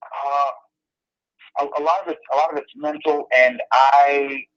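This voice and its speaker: A man's voice: fairly high pitch, steady tone, unhurried, fairly bright tone. Man talking over a muffled phone line. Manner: rambling, self-deprecating storyteller. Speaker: interview guest. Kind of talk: casual phone interview.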